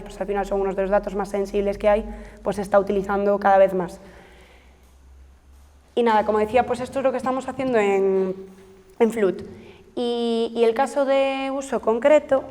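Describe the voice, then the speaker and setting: A woman with a mid-range, somewhat dark voice, a researcher, presents a technical project to trainees. She uses lots of fillers and keeps correcting herself. The recording carries a long hall reverb.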